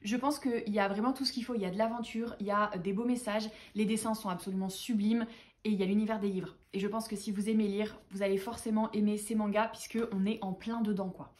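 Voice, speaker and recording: A woman's voice: medium pitch, fairly even intonation, fast talker, a little mellow. A woman chatting enthusiastically as a book vlogger, talking through her monthly reads and haul. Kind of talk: casual book haul chat.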